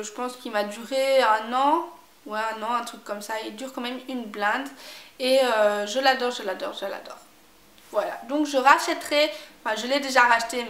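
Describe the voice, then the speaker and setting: A woman chatting casually about makeup she has used up, repeating herself and filling pauses often. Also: sits high, a bit bright, reverberant. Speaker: beauty vlogger. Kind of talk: casual product review chat.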